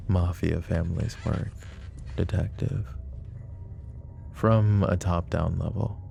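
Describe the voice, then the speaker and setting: Fully in character, a man portrays a possessive, protective mafia boss for an ASMR roleplay. His gravelly, deep voice stays low and measured, carrying a quiet menace as he probes.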